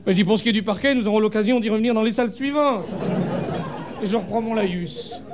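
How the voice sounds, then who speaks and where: A man telling a comic story on stage in a deadpan way, breaking into sudden high shouted punchlines. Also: fast, over music. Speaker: stand-up comedian. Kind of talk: comic monologue before a live audience. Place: theatre stage with a laughing audience. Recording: live show recording with crowd laughter and noise.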